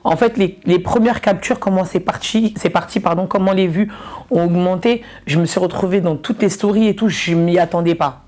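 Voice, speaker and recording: A woman's voice: fairly low pitch, brisk, a little mellow. A woman from Ivory Coast, a comedian and influencer, chatting casually in an interview and repeating words for emphasis.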